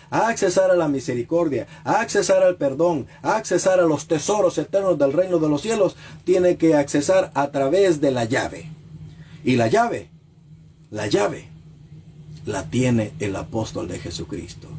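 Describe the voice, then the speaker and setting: A man preaching a sermon who repeats key phrases for emphasis and asks the listener rhetorical questions, dropping low and slow on solemn lines. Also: mellow, a little hiss or hum.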